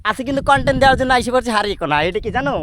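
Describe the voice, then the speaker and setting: Fast-talking young man with Barishal accent. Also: extremely high pitch, background noise. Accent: Barishal Bengali. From Bangladesh. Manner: chatty, exclaims at the views. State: out of breath from climbing. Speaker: travel vlogger. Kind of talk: casual walking vlog. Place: hilly border area outdoors.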